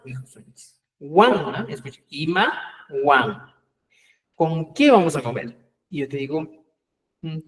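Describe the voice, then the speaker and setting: Male teacher, live online class, slightly high voice, very slow and deliberate, repeats examples, trails off softly at phrase ends. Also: rough recording. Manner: drops to a very soft trailing voice at the end of example phrases. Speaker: Quechua language teacher.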